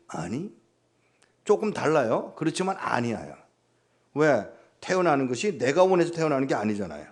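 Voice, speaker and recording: A man's voice: fairly high pitch, darkish tone. A man preaching as a guest pastor, telling stories and acting out dialogue with his mother in his sermon. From Korea.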